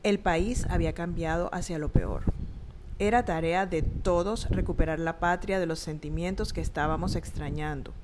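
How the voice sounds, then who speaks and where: A woman narrating a scripted, reflective text in a measured, thoughtful way. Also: lowish voice, fairly even intonation, noisy background. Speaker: narrator reading her own reflective text.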